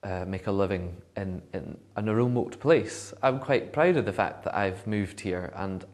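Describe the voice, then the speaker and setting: Man being interviewed, fairly low voice, considered answers. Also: normal speed, a little mellow. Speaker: vox pop interviewee.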